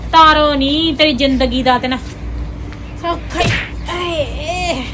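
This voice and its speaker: A woman playing an overworked old mother-in-law who sighs, complains and keeps hushing others. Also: sits high, slow pace, noisy background. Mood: grumbling. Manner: sighing, complaining, hushes others.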